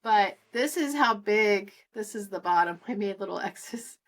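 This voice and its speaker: A woman's voice: mid-range voice, lively intonation, unhurried. A woman co-hosting a casual chat, talking enthusiastically and restarting her sentences. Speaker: co-host.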